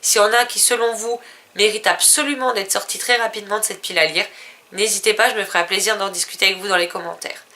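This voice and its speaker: Lady reading off her book pile, bright voice, lots of euhs and little corrections. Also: medium pitch, steady tone, quick pace. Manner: lists titles and publishers, self-correcting with fillers. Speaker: book vlogger. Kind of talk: casual book haul vlog.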